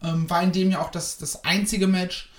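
A man's voice: high-pitched, steady tone, moderate pace, reverberant. A man giving a casual spoken review of a wrestling show, hesitant and rambling with many fillers.

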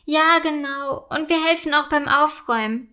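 A woman voicing an excitable young girl who talks eagerly and stammers when caught out. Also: sits high, normal speed. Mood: excited.

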